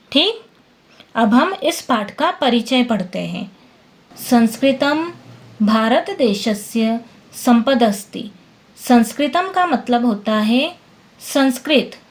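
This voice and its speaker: A woman teacher explaining a Sanskrit lesson word by word, patiently checking that her students follow. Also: on the high side. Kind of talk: classroom lesson explaining text line by line.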